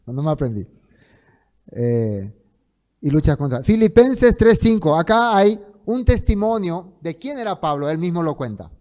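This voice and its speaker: A man teaching a Bible study in sermon style, emphatic, with loud stresses that fall to soft trailing phrases, slowing down to read scripture. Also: on the high side, big pitch swings. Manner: slows down to read scripture aloud.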